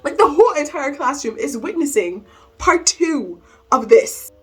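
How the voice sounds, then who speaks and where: A young adult woman vlogger telling a personal storytime in an animated way, laughing often. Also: high-pitched, a little slow, faint music behind. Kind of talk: storytime vlog.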